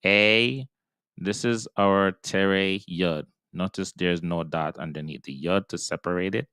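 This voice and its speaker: A man's voice: low-pitched, steady tone, unhurried, smooth, no echo, studio quality. A man teaching Hebrew reading in a patient, step-by-step pronunciation lesson, sounding out syllables and repeating them.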